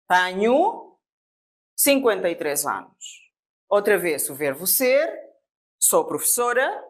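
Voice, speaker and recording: A Venezuelan woman in her fifties gives a lesson, a whose pitch rises and falls in a lively way. She takes her time and talks slowly and deliberately. She repeats each example as she explains it. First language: Spanish. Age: 50s. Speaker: Portuguese teacher. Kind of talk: classroom lesson.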